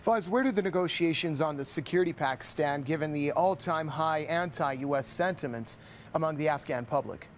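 A man's voice: fairly high pitch, normal speed, slight background noise. A man working as a news anchor, reading scripted news reports and putting questions to a correspondent.

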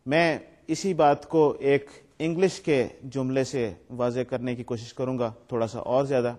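A man's voice: medium pitch, fairly even intonation, darkish tone. Man giving a lecture. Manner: explains step by step, mixes in English technical terms, reads examples aloud with stress. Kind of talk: recorded lecture.

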